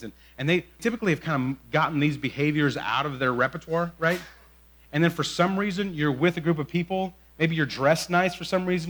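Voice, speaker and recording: A man preaching a relaxed, chatty sermon, his voice sitting a little high for a man. He keeps checking in with his listeners, speeds through his asides, then slows right down to stress a point. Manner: conversational preaching, often adding "right?"; shifts between quick asides and slow, drawn-out emphasis. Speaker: pastor.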